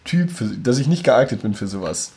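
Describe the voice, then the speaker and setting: A man's voice: mid-range voice, big pitch swings, brisk, gravelly, a little mellow, slight background noise. A young man co-hosting a podcast, making dry, sarcastic jokes in casual banter. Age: young adult. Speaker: podcast co-host.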